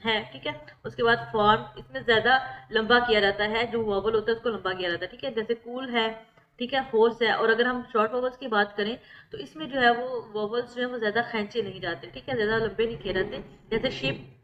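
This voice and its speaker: A woman's voice: a little high, steady tone, fast, fairly bright tone, lo-fi sound. A woman online tutor, explaining exam material step by step over slides. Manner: repeats "theek hai" often, explains step by step.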